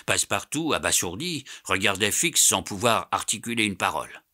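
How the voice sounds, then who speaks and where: A man narrating a classic novel as an audiobook, in a measured storytelling way. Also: lowish voice, big pitch swings, bright, forceful tone. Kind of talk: scripted narration.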